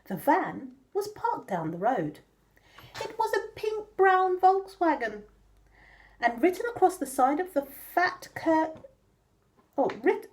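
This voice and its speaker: Female kids' storyteller, broad singsong theatrical delivery, animated melody, unhurried pace. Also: high-pitched. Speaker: children's storyteller. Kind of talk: storytelling for young children.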